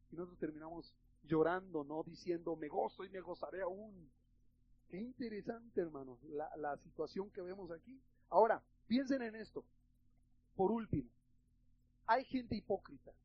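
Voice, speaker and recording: A man's voice: high voice, highs cut off, slight background noise. A male pastor with a Mexican Spanish accent preaches emphatically and conversationally, often calling the listeners brothers. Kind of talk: sermon.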